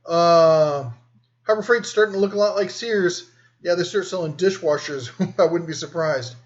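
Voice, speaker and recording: A man's voice: a little high, moderate pace, muffled recording. A man hosting a casual live stream, reading and answering viewer comments in a rambling, easygoing way. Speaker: host.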